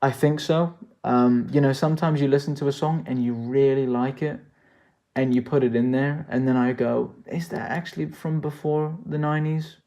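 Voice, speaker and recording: A man's voice: medium pitch, steady tone, normal speed, mellow. A man from South Africa chatting loosely through a live-stream Q&A as a worldbuilding creator, thinking aloud with jokey asides. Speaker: worldbuilding creator answering chat.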